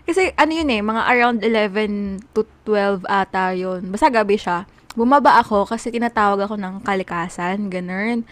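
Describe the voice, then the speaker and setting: A woman's voice: medium pitch, normal speed, no echo. A young woman casually telling a story to friends, rambling with lots of fillers and swearing. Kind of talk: casual chat.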